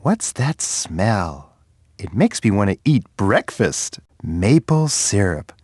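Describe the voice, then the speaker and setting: A man voicing a big friendly bear who cheerfully guides children through an edutainment game, encouraging them with expressive, playful reactions. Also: on the low side, takes it slowly, no echo, studio quality, heavily acted. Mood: curious, delighted. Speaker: children's game character and storyteller.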